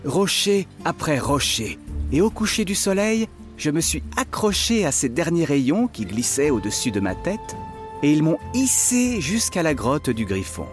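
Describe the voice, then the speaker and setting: A man narrating a children's fairy tale in a playful, expressive voice, speaking as an inventor teacher to his class. His pitch rises and falls with lively swings. Soft music plays faintly beneath the telling. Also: unhurried. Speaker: storyteller playing an inventor teacher.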